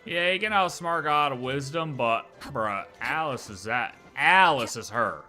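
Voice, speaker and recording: A man livestreams casually, speculating about a game's story in slangy, rambling chat and repeating phrases for emphasis. His voice is medium-pitched and sharp, with lively intonation and an unhurried pace, and faint music plays behind him.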